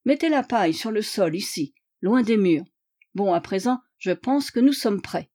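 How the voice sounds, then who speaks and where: A woman's voice: mid-range voice, animated, moderate pace, warm tone, close to an everyday voice. A woman voicing Sherlock Holmes as a shrewd, playful male detective in an audiobook, courteous and wry. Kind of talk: audiobook character reading.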